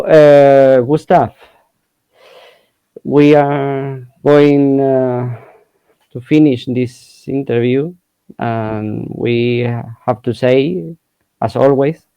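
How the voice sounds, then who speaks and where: A man hosting an interview in halting, courteous non-native English, with many hesitations. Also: mid-range voice, steady tone, dark tone, clean tone, dry recording, low-quality recording.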